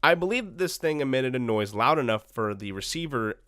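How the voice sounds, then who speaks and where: Animated young man analyzing a film. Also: medium pitch, a little fast, no room sound, clean studio sound. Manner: animated, conversational, repeats words when explaining. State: tired from overwork. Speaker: movie analysis YouTuber. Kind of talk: casual film analysis commentary.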